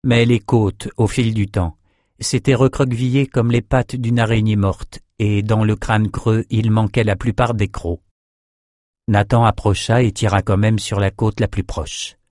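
A man narrating a fantasy audiobook in an even, measured reading. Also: on the low side, dry recording, clean studio sound.

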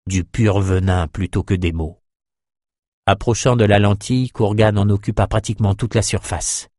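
A man narrating a fantasy novel in a steady, measured audiobook reading. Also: fairly low pitch, no echo, clean studio sound.

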